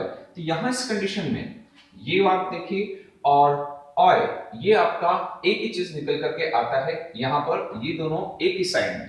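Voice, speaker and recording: Echoey male Hindi teacher explaining syllables. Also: on the high side. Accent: Indian, speaking Hindi. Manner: addresses viewers as friends, asks and answers own questions; stretches out example words slowly. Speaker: English teacher. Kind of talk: classroom-style video lesson. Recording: very echoey room, voice from a distance.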